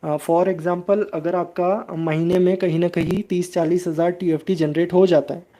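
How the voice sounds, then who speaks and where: A man's voice: high voice, steady tone, normal speed, dark tone. A man hosting a crypto channel, explaining steadily in a live stream and answering viewer chat, with frequent hesitation sounds.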